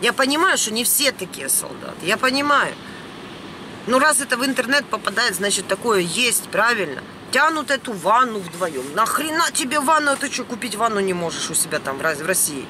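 A woman from Ukraine delivers an unscripted vlog rant from a parked or moving van, her voice on the high side, expressive, and fairly quick. She is blunt, emphatic, and indignant, with mild swearing, while the camera at arm's length also picks up cabin noise.

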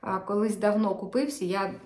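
A woman's voice: medium pitch, fairly quick, a little mellow, a little hiss or hum. A chatty woman talking casually to her viewers about her embroidery. She sounds enthusiastic and holds up her work as she goes. Her voice rings a little in an echoey room. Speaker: cross-stitch vlogger.

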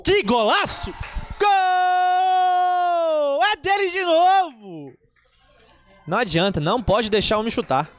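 A man with a Brazilian accent giving live football commentary, with explosive, shouted, drawn-out goal calls. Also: very high-pitched, big pitch swings, soft background music.

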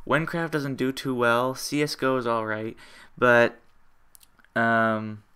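A man's voice: mid-range voice, flat delivery, slow pace, sharp tone, smooth. A young man hosting a gaming channel, giving a casual update at home and rambling with lots of fillers and restarts.

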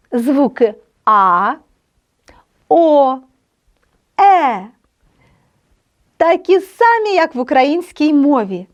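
A woman with a high voice teaches a language lesson online, explaining patiently and sounding out letters and words clearly.

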